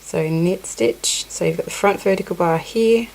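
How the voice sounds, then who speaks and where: In a hands-on craft tutorial, a woman sniffly with a cold teaches a crochet technique over close-up shots of her hands, counting stitches under her breath and apologizing in asides. Her voice is medium-pitched, creaky and darkish, at a moderate pace, in a low-quality recording.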